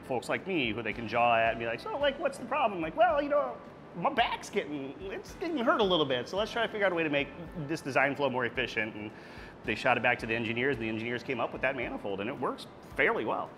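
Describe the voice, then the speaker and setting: A talkative man in his thirties, a brewer, explains his equipment in a relaxed, technical way at a middle pitch. Steady background noise sits behind his voice. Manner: talkative, technical, many fillers. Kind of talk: casual on-camera explanation. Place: brewery floor and taproom.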